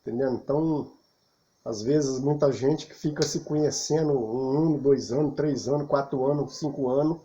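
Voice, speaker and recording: A man's voice: medium pitch, normal speed, lo-fi sound, slight background noise. A man in his fifties with a Brazilian Portuguese accent, casually telling a personal story and chuckling often. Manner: chuckling often, relaxed and talkative.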